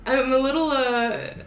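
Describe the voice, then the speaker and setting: A woman co-hosting a podcast, chatting casually and mostly chiming in with short reactions. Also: sits high. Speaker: podcast co-host. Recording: roomy with faint noise.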